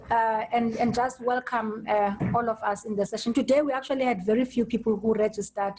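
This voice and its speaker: A woman hosting an online meeting over a video call, speaking haltingly and restarting her words often. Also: medium pitch, darkish tone, slight background noise, rough recording. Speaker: host.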